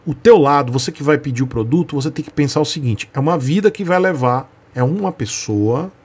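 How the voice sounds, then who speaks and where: A Brazilian man in his forties tells a story to his camera with a somewhat high voice. He leans hard on his points, repeats himself for emphasis and talks straight to his viewers, as a channel host would. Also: animated, a little fast, darkish tone, slightly rough. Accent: Brazilian Portuguese. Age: 40s.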